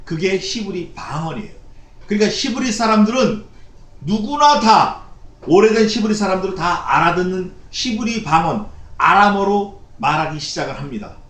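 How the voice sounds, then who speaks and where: High-voiced pastor preaching in an echoey room. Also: male voice, lively intonation, normal speed. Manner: asks the congregation questions and answers them himself; acts out the figures in quoted shouts. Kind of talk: expository sermon.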